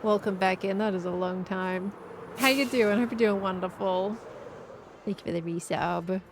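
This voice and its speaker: A woman chatting casually to her live stream while playing a game, with a deadpan, monotone delivery. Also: mid-range voice, normal speed, background noise.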